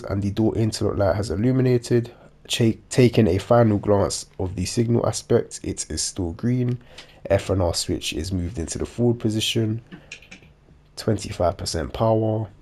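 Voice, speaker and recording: A man with a blocked nose giving measured, matter-of-fact game commentary, sounding nasal and a bit dopey. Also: low voice, a little mellow. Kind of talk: measured instructional gameplay commentary.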